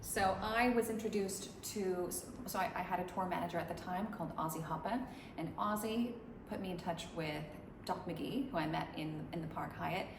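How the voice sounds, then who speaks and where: A woman musician being interviewed in a room in Dubai gives long, rambling answers full of restarts in a casual chat. Her voice is lowish at a moderate pace, and the room is echoey with background noise.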